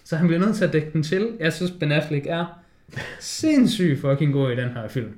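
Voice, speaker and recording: A man co-hosting a casual film discussion, swearing freely and acting out scenes in quick quoted voices. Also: fairly high pitch, expressive, darkish tone. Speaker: podcast co-host. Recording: roomy echo.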